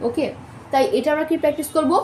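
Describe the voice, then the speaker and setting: A woman teaching spoken recitation, sounding out syllables and tongue twisters slowly and mixing in English words. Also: high voice, steady tone, darkish tone. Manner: slow, syllable-by-syllable demonstrations mixed with English words. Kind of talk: spoken recitation lesson with drills. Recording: echoey room with faint noise.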